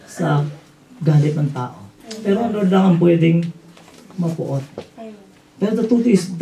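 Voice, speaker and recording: A pastor with a Filipino accent preaches a sermon in a church hall, mixing in English and often asking "Amen?" and "no?" His voice is high and warm. The audio is roomy, captured from a distance in the hall.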